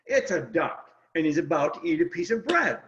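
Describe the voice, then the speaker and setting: Excitable, insistent storybook arguer played by a man, high and bright, exclaiming emphatically. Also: normal speed. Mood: excited, insistent. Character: excitable picture-book bickerer insisting it's a duck. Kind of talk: animated children's read-aloud. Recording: dull, lo-fi video call audio.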